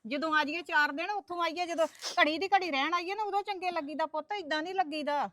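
A woman's voice: very high-pitched, quick pace, bright, forceful tone. An actress playing a fussing mother who lectures her married daughter in a comedy skit, full of sighing exclamations. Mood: lecturing.

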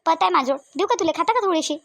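A woman's voice: very high voice, expressive, racing, creaky, dry recording, full character voice. A fussing motherly village aunt with a Varhadi accent. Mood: comforting. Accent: Varhadi Marathi. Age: middle-aged. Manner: coaxing, fussing, repeats herself. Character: kind older village woman, motherly and talkative. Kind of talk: cartoon voice acting.

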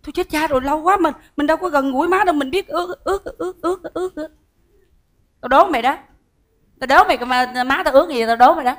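Comedy sketch: actress as a bossy woman star, high and fast, all teasing jabs. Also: natural voice. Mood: scolding banter. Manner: rapid, teasing, exclamatory, bickering. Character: sharp-tongued bossy woman performer, quick to mock. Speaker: comedic lead.

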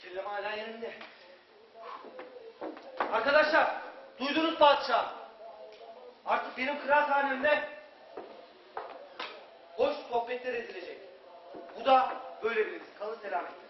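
An actor playing a fawning, easily frightened coffeehouse keeper, exclaiming in a stage theatre style. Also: male voice, very high-pitched, lively intonation, normal speed, pauses often. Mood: relieved. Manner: servile, exclaiming. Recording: very echoey, muffled, noisy distant stage.

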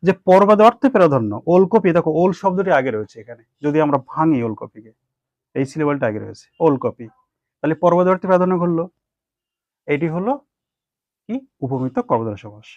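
A man's voice: on the high side, expressive, a little fast, dry recording. A man with a Bengali accent teaching a grammar lesson, who repeats terms and keeps asking questions and answering them himself. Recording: dry, muffled lo-fi sound.

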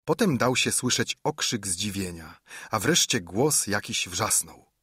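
A man narrating an audiobook in a steady, measured reading style. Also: on the low side, slightly rough, no echo, clean studio sound. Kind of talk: scripted narration.

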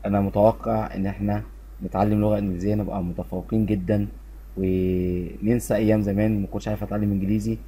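A man with an Egyptian Arabic accent teaching a beginner English lesson, drilling words slowly and having students repeat after him. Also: on the low side, level tone, dark tone, a little hiss or hum.

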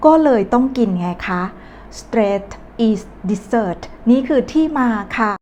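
A woman teaching English phrases in a casual, chatty lesson, slowing down to explain words. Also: mid-range voice, lively intonation, highs cut off.

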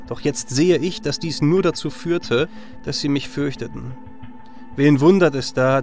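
In a fantasy audio drama, a man voices a noble warrior hero full of repentance, delivering his lines earnestly with measured solemnity. His pitch is medium and the acting is light.

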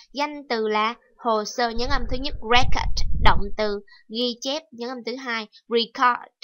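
A woman's voice: fairly high pitch, fairly bright tone, no room sound, low-quality recording. A woman teaching a TOEIC reading lesson, explaining step by step and repeating key words. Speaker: English teacher.

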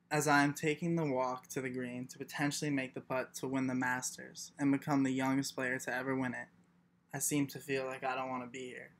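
Young male student, reflective first-person monologue, flat even pitch, measured. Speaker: student performer.

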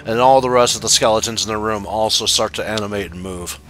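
A man's voice: lowish voice, fast, a bit bright. A man acting as game master in a casual board game session, narrating the monsters' moves in a playful, profane way and laughing often.

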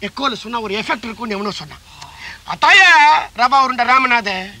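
An actor playing a blustering comic gangster boss in a stage play, bossy and boastful, barking orders and threats. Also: male voice, extremely high pitch, animated, brisk, bright, forceful tone, heavily acted.

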